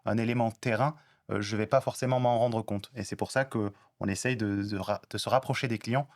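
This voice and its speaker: Man panelist, low and dry-sounding voice, steady explanations. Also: brisk, dry recording. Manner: steady, explains with hypothetical examples. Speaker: panelist at a business talk.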